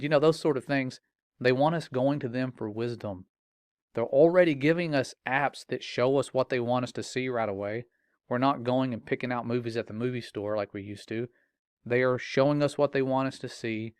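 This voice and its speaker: A man's voice: mid-range voice, clean tone, dry recording, studio quality. A man earnestly warning other parents in a preaching, urgent tone. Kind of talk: earnest spoken warning to viewers.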